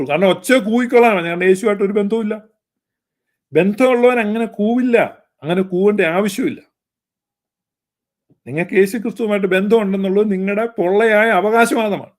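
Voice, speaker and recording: A man's voice: sits high, darkish tone. A man preaching in a fervent, scolding style, with pointed repetition. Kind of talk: sermon-style critique.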